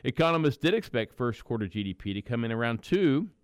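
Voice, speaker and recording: Male radio host, folksy money talk, smooth clear voice, dry close mic. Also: mid-range voice, sing-song, fast talker, no echo. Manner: conversational, folksy, with fillers and restarts. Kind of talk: financial radio talk with ad reads.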